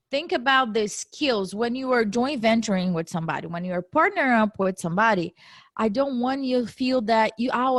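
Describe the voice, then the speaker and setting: On a casual podcast, an animated female co-host speaks in a slightly high voice with a non-native English accent. She laughs a lot and is self-deprecating about her grammar. The audio has studio quality and no room sound.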